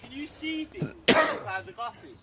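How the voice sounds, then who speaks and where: High-voiced teenage lad with very swoopy pitch. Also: male voice, wildly swooping pitch, a little slow, crowd noise. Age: teens. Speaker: young trainee helper. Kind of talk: casual chat. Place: in and around a vehicle being cleaned. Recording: off-mic with busy background voices.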